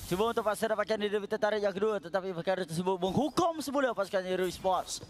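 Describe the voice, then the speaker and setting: A man's voice: sits high, racing, slight background noise. A man with a Malaysian accent commentating live on a game and analysing the play. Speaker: esports commentator.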